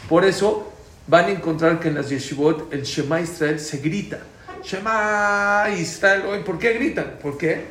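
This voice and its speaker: His voice sits on the high side as he leads a prayer class at a moderate pace. Lively and questioning, the man explains points, quizzes students, and repeats the key ones loudly, in an echoey space with faint background noise.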